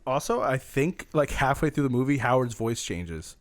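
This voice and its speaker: Mid-pitched male co-host, laid-back, recapping plot in casual chat. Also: lively intonation, moderate pace. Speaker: podcast co-host. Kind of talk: casual movie review chat.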